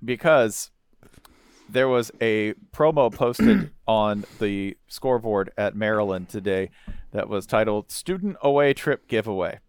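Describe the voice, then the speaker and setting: A man co-hosting a podcast in casual chat, animated and quick to laugh. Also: on the low side, smooth, no echo. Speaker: podcast co-host.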